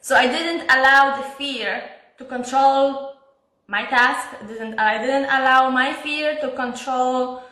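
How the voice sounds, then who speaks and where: Woman coach, high and bright, candid and emotional, casual vlog in an echoey room. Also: fairly even intonation, takes it slowly. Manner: candid, emotional, many fillers and restarts. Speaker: self-help coach. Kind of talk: casual personal vlog, talking to live viewers.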